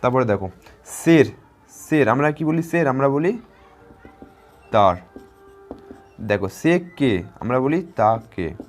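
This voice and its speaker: A man teaching a grammar lesson to schoolchildren. He asks a question, answers it himself, and repeats words slowly and encouragingly. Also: medium pitch, animated. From West Bengal. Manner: encouraging, addresses students directly.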